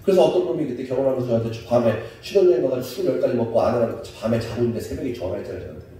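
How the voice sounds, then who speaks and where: A male pastor with a Seoul Korean accent, preaching a sermon in a lively, conversational way, sometimes laughing as he stresses a point. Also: mid-range voice, very fast. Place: church sanctuary. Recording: echoey hall, distant mic, faint hiss.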